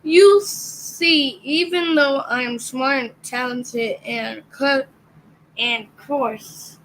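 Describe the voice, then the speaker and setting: A young girl reads a picture book aloud, sounding out each line with care and stumbling over words now and then. Her voice is slightly high and a bit bright, and she goes very slowly and deliberately. The recording is low quality, with faint background noise underneath.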